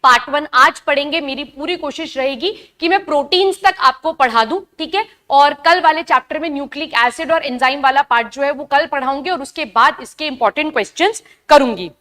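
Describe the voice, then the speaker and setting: A young woman giving a live online biology lesson, chatty and asking her students questions, reading textbook lines slowly before explaining them. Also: sits high, bright, forceful tone. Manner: reads English textbook lines slowly, then explains in Hindi. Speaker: biology teacher. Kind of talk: live online class lecture.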